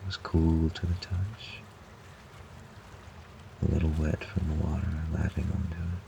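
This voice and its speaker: Really low creaky guy doing a guided meditation, calm n soothing, lots of pauses. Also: highs cut off, noisy background. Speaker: host, guided meditation narrator. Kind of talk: guided imagery relaxation narration.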